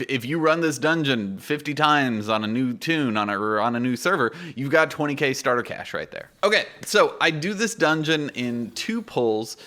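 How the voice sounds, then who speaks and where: Male gaming YouTuber, twenties: crisp-edged bright delivery, mid pitch, informal explainer, conversational with punchy emphasis, close-miked. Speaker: YouTube gaming guide host. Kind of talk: informal explanatory video commentary. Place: small indoor home studio. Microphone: close microphone on boom arm.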